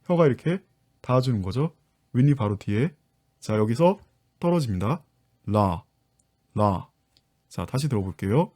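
Man, English teacher, online lesson, patient step-by-step explaining, mellow voice. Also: mid-range voice, expressive, normal speed. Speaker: English teacher and book author.

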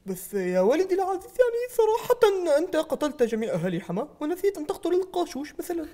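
A performer voicing a spoiled, crybaby male puppet dictator in a high, whimpering falsetto with a Syrian Arabic accent. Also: big pitch swings, very fast, warm tone. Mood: meek, whiny. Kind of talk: puppet satire acting.

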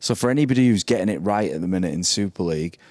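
A man's voice: low voice, lively intonation, rapid-fire, a little mellow, no echo. A man who is a former player, talking bluntly and rambling as a pundit on a live podcast in a brewery taproom.

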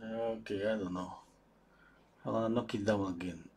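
A man's voice: on the low side, steady tone, moderate pace, darkish tone, slight background noise. A man hosting a live oil-painting stream. He thinks aloud while he paints, answers viewers' chat, and often restarts his sentences. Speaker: painting livestream host.

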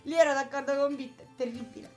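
Woman streamer, high pitch, playful and mocking, swears casually. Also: steady tone, fast, soft background music. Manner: playful and mocking, swears freely, laughs often. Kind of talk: casual let's-play commentary, reading game dialogue aloud.

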